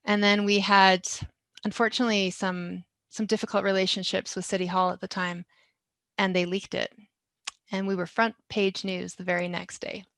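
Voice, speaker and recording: A woman's voice: mid-range voice, little pitch movement, moderate pace, a bit bright, no room sound, studio quality. A woman giving a candid, emotional talk that tells a hard personal story. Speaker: speaker.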